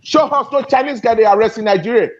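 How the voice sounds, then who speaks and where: A man with a notably high voice argues with passion, tripping over and repeating his words as he pushes his point. The audio is dull and lo-fi. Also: fast talker. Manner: passionate, repeats and restarts phrases. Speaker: guest speaker in an online discussion. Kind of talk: heated debate.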